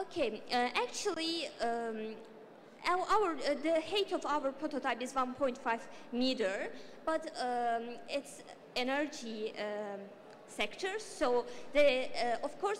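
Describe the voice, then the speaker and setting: Woman, Azerbaijani accent, high pitch, startup founder's answers, halting repetitive English, reverberant hall. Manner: halting, repetitive phrasing in non-fluent English. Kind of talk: pitch competition question-and-answer. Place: large event hall. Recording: reverberant hall, faint background noise.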